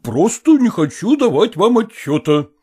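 A man's voice: high-pitched, big pitch swings, measured pace, darkish tone, husky, pitched above the performer's own voice, heavily acted. A man doing a smug, evasive old-school professor. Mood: patronizing. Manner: patronizing, soothing, smug. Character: condescending middle-aged male professor, evasive. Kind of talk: audiobook character reading.

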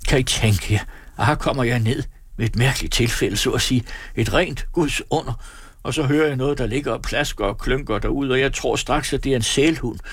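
A man's voice: fairly low pitch, lively intonation, a bit bright, breathy edge, dry recording, full character voice. A man reading an audiobook, voicing a coarse schemer who hisses curses and gushes with put-on piety in a raised, broken dialect. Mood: mock-pious gushing. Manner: hissing, whispered cursing; mock-pious, gushing put-on dialect.

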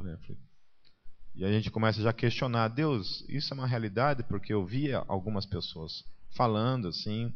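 A man with a Brazilian accent preaching a conversational sermon. He keeps checking in with his listeners and acts out the people he quotes. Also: medium pitch. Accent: Brazilian Portuguese. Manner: chatty, tags nearly every sentence with a question, acts out quoted people. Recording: muffled event recording.

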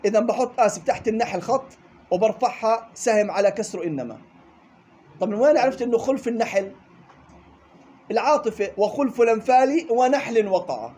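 A man's voice: high-pitched, expressive, a little fast, long pauses, a little mellow, husky. A man teaching a classroom lesson on Quran recitation rules, explaining step by step, repeating key points and checking with his students. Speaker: tajweed teacher.

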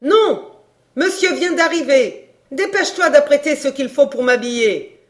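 A woman reading a proud, sharp-tongued young countess, cool and teasing, in an audiobook dialogue. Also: fairly high pitch, lively intonation, moderate pace, lightly acted.

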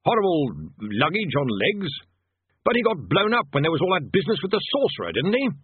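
A man's voice: on the high side, huge pitch swings, brisk, slightly rough, no echo, voice pushed up, full character voice. A man voicing a nervous, deferential older male wizard in a fantasy audiobook, hesitant and polite. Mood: anxious. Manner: flustered, hesitant, stammering politeness. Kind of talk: audiobook character voice in comic fantasy. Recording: band-limited, phone-like audio.

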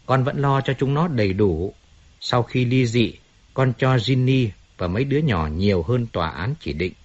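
A man voicing a washed-up male singer who complains bitterly and pleads for help, in a husky voice. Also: mid-range voice, expressive, normal speed, lo-fi sound, close to an everyday voice. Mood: sorrowful.

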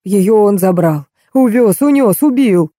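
A woman reading an audiobook, voicing a deranged old man in a wheelchair who shouts accusations and repeats himself. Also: medium pitch, animated, unhurried, no room sound, clean studio sound, pitched above the performer's own voice. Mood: raving.

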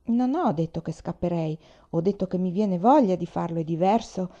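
A woman's voice: lowish voice, normal speed, warm tone, muffled recording, natural voice. A woman reading aloud, voicing a sensitive, dreamy young boy who fears pain, in a plaintive, pleading way.

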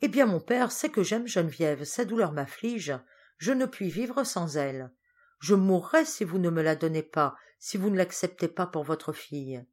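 A woman's voice: fairly low pitch, lively intonation, moderate pace, darkish tone. A woman reading the part of an impassioned young man pleading with his father, in a fervent, declamatory way.

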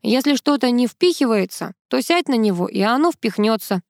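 A woman's voice: on the high side, normal speed, dry recording. Female narrator doing a cool young tech guy who explains everything plainly, dry close sound. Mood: explaining. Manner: calm, explaining. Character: clever young male computer whiz, matter-of-fact. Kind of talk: audiobook character reading.

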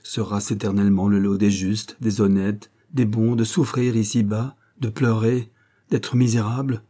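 A man voicing a grieving, big-hearted old male entrepreneur who speaks vehemently and exclaims in a husky voice. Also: mid-range voice, fairly even intonation, moderate pace, warm tone, lightly acted. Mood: indignant. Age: older.

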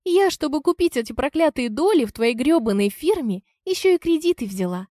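A woman reading an audiobook, voicing a brazen young woman with a sneering, high voice. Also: lively intonation, fairly quick, mellow, no echo, studio quality. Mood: insolent.

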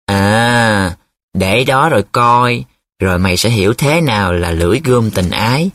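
A man's voice: mid-range voice, expressive, brisk, fairly bright tone, no echo. A man voicing a teasing, dramatic young male student who talks in a playful, showy way, in an audiobook. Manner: playful, showy, sing-song when reciting.

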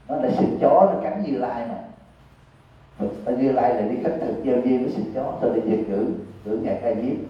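A Buddhist monk with a Southern Vietnamese accent, giving a sermon in a folksy, conversational storytelling manner. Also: male voice, mid-range voice. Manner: folksy, conversational, acts out characters. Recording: echoey hall, far from mic, dull lo-fi.

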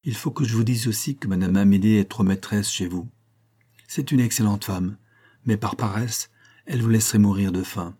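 A man's voice: lowish voice, moderate pace, mellow, close to an everyday voice. A man voicing a bossy, fussing older woman who gives orders in an audiobook. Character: Madame Jourdeuil, bossy older woman, gluttonous.

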